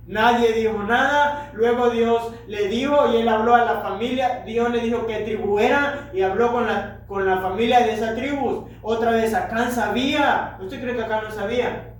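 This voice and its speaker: High-pitched preacher guy, talking straight to the congregation, super echoey, far from the mic. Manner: addresses listeners directly with rhetorical questions. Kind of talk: sermon.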